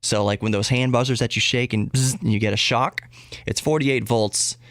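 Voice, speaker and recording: Talking through tech and geek news on his own, this podcast host keeps things casual and rambling, frequently cutting himself off and repeating words to stress a point. He has a mid-range, slightly bright voice with fairly even intonation at a normal speed, recorded at studio quality without echo.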